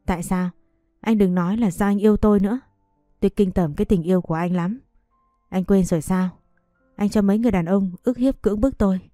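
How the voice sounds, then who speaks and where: A woman's voice: medium pitch, a little fast, mellow, no room sound, clean studio sound, faint music behind, lightly acted. A woman reading the lines of a wronged young woman in an audio story, pleading and accusing.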